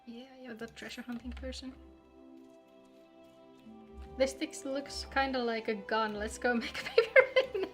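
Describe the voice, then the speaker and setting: During a casual livestream, a woman with a fairly high voice jokes and chats playfully as she games, speaking a little slowly and pausing often. Background music sits behind her.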